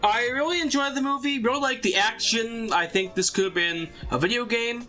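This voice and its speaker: A man's voice: extremely high pitch, brisk, bright, forceful tone, faint music behind. A man co-hosting a casual film review chat, earnest and enthusiastic, with some teasing.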